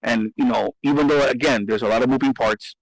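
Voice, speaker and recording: A man's voice: medium pitch, brisk, no room sound, rough recording. Man explaining game strategy at length. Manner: explanatory, repeats himself, emphatic. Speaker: host. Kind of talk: casual gaming strategy discussion.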